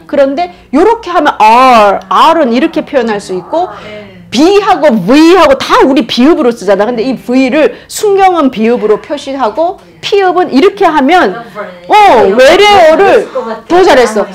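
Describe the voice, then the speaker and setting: Woman lecturer, high and very expressive pitch, animated, acts out sounds. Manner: animated, demonstrates pronunciations aloud, laughs often. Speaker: history lecturer. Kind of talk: explanatory lecture.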